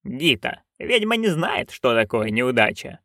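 A male reader voicing a proud, stern old witch woman who speaks low and clipped. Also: sing-song, measured pace, sharp tone, no room sound, studio quality, heavily acted.

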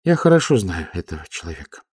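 A man's voice: deep voice, sing-song, fast, a little mellow, husky, no room sound, clean studio sound, exaggerated voice. A man reading an audiobook, voicing a cautious older refugee man who speaks impassively and warily. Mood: wary. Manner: impassive, wary.

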